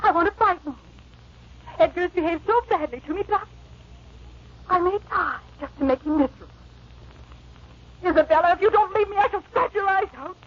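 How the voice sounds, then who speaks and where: A headstrong young gentlewoman in an old radio drama. Her voice is high and swings widely, imperious and theatrical, on a muffled vintage recording. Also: expressive, a little fast, pauses often. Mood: hysterical. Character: headstrong, jealous, tempestuous young married gentlewoman.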